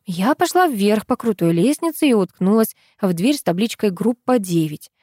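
A woman reading a first-person story aloud as an audiobook narrator, in an even, ironic storytelling manner. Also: medium pitch, moderate pace, no echo, studio quality.

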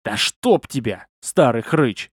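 A man voicing an irritable old archmage rector in an audiobook, gruff and barking. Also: on the high side, sing-song, normal speed, darkish tone, no echo, studio quality, voice pushed up. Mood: grumbling.

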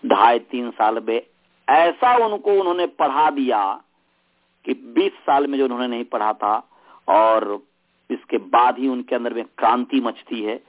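A man teaching a group over a call, telling a story in a slow, measured way while his voice breaks up and cuts out on the line. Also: medium pitch. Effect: voice breaking up and cutting out on the call line. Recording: tinny, dropping-out phone line.

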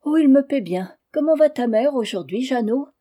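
A woman's voice: high-pitched, lively intonation, normal speed, pitched above the performer's own voice. A woman reading aloud, voicing a naive sixteen-year-old flower girl in a lifted, lilting voice. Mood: lively. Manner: bright, lilting and eager.

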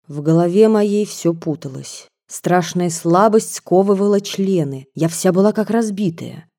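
A woman narrating a first-person story as an audiobook reader, calm and measured. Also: on the low side. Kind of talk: scripted narration.

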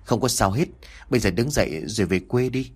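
A cunning old matriarch who gives hurried, evasive orders in a lower voice, as a man reads her in an audiobook. She sounds commanding and quick to cover things up. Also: lively intonation, slightly rough. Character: cunning stout old mistress of the house.

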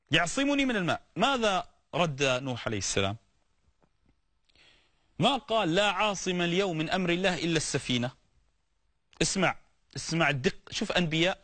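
Male preacher, lively high voice, bright tone, dry close sound. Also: no room sound. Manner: animated, explains word meanings with everyday examples and repeated calls to listen. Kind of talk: sermon on stories of the prophets.

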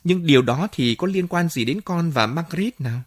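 A man's voice: on the high side, animated, moderate pace, no room sound, studio quality, pitched above the performer's own voice. Man playing a determined young suitor. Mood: earnest.

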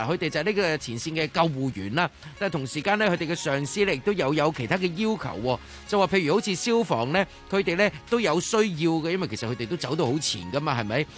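A man's voice: fairly high pitch, fairly bright tone. A man with a Hong Kong Cantonese accent co-hosts a talk show, chatting casually and commenting on the news. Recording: music behind the voice. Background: background music.

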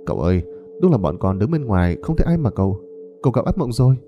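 A man voicing a deferential male servant who tries to calm his master. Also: on the low side, fast talker, lo-fi sound, faint music behind. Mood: soothing. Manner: soothing, deferential.

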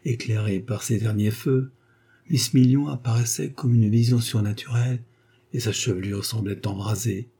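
A man narrating a classic novel aloud in a measured, expressive way. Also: fairly low pitch, breathy edge. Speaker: audiobook narrator.

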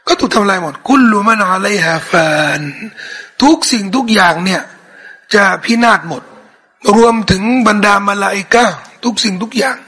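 Guy teaching quran commentary, husky high voice, patient explainer. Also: moderate pace, bright, forceful tone. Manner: explains patiently, quotes Arabic verses then translates. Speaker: Islamic teacher.

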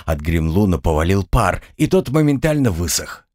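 A man reading a fantasy novel aloud as an audiobook narrator, in a measured storytelling manner. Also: low voice, very animated, a little mellow, dry recording, clean studio sound.

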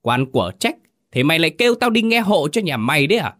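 A man voicing a cruel, greedy old village chief who sneers and shouts threats. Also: medium pitch, very animated, moderate pace. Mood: raging.

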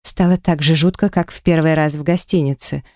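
A woman's voice: low voice, fairly even intonation, a little fast, a little mellow, no room sound. A woman narrating a romance audiobook in the first person, with a tense, emotional dramatic reading on a close studio mic.

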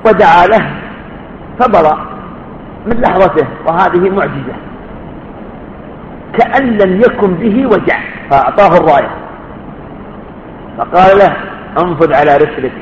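A man's voice: high voice, animated, normal speed, long pauses, a little hiss or hum. A man teaching a religious lecture to students, emphatic and fond of rhetorical questions, sometimes calling on listeners to answer. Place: lecture hall at a study course. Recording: echoey, dull lo-fi hall recording.

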